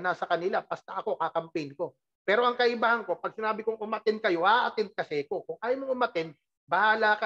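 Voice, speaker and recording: A network marketing team leader giving an animated, emphatic motivational training talk, full of rhetorical questions and laughing while teasing the team. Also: medium pitch, highs cut off.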